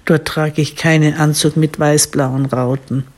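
A woman's voice: low-pitched, fairly even intonation, measured pace, a little mellow. A woman voicing a chatty little seahorse in a storybook tale, speaking in a bubbly way.

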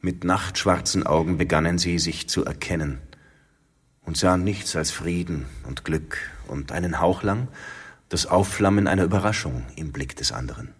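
A man reading a story aloud in a calm, measured narration. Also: low-pitched, breathy edge, big-room sound. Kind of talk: scripted narration.

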